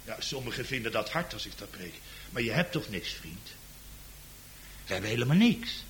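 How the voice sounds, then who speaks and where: A man preaching a sermon in a church, swelling to loud emphatic cries and dropping to near whispers, asking the congregation direct questions. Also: mid-range voice, very animated, normal speed, a little hiss or hum. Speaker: pastor.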